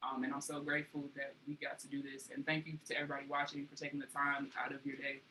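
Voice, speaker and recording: A woman performer talking softly and quickly, rambling a little as she thanks everyone after her set. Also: extremely low pitch, completely flat delivery, slight background noise. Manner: soft, quick, rambling speech. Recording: echoey room with music.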